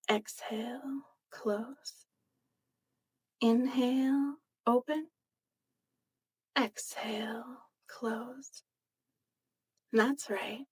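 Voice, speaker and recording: A woman leading a guided hypnotic trance in a soft, intimate, mesmerizing manner, soothing, deliberate and gently commanding. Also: a little high, no room sound.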